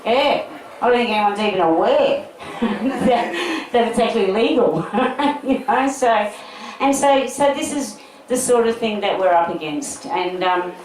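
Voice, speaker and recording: Speaking in a mid-range, darkish voice at a measured pace, a middle-aged Australian medical cannabis advocate rambles through an informal festival talk, swearing, laughing, making blunt asides and answering questions from the crowd. The echoey recording from a far-off mic has slight background noise, and the audience can be heard.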